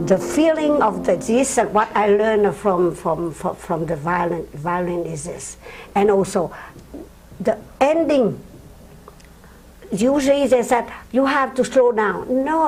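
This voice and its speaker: An older woman, a piano teacher, speaking halting non-native English in an interview and counting beats aloud. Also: mid-range voice, a little mellow, husky, poor audio. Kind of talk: interview with demonstration.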